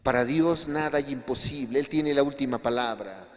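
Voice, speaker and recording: A male pastor preaching a sermon, telling a testimony with emphatic swings between quiet and raised passages. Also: mid-range voice, normal speed, a little hiss or hum. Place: church hall. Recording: long hall reverb.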